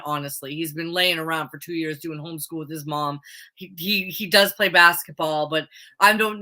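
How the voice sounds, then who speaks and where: A woman's voice: deep voice, bright, forceful tone. A woman in her forties talking in casual chat, emphatic and ranting, full of opinions.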